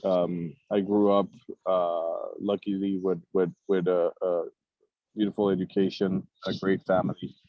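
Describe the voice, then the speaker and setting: A man's voice: sits low, little pitch movement, unhurried, no room sound, highs cut off. A man from Switzerland with a Swiss French accent, a cigar company founder in a casual podcast interview, thoughtful and repeating words as he searches for them.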